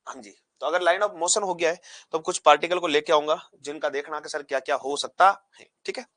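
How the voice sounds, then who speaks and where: A man with a slightly high, bright voice teaches physics in a dry, close-sounding recording. He fires questions at the class and answers them himself, repeating each key term. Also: brisk, dry recording. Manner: call-and-response questions, repeats key terms; animated, acts out particles pushing apart. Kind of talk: classroom lesson at a board.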